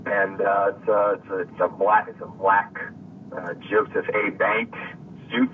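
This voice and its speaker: A man from Connecticut calling in over the phone, talking in a halting, deadpan way with lots of fillers. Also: lowish voice. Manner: hesitant, halting with many fillers, dry deadpan humor. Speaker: caller. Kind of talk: casual call-in chat. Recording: tinny distant phone line with faint hiss.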